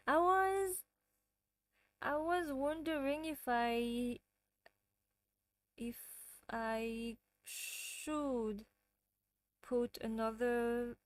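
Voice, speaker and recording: A French woman with a French accent hosts a casual livestream, chatting with viewers and giggling often. Her voice is fairly high, with no room sound.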